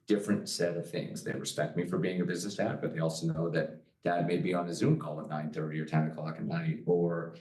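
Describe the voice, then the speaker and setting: A man's voice: sits low, little pitch movement, fairly quick, few pauses, darkish tone. A middle-aged man, an entrepreneur guest, talking earnestly in a casual interview with many restarts. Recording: roomy, distant from the mic.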